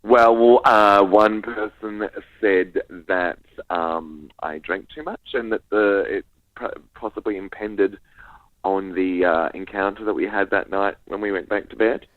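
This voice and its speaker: Speaking by phone on a dull, close line, an Australian comedian guest keeps the chat casual and comic, with a camp, self-deprecating manner. His voice is on the low side and unhurried, and there is no room sound.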